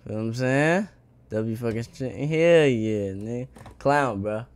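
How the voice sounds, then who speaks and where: A man streaming live reactions to a video, loud, profane and exclaiming. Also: medium pitch, measured pace, clear, resonant tone. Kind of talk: casual live reaction commentary.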